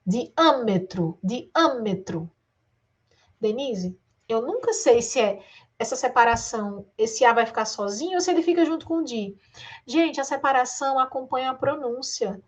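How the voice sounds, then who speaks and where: A fairly high-voiced Brazilian woman teaching exam-prep grammar. She draws words out slowly, syllable by syllable, and keeps asking her students questions as she goes. Her delivery is lively and direct. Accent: Brazilian Portuguese. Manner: addresses students directly, asks rhetorical questions.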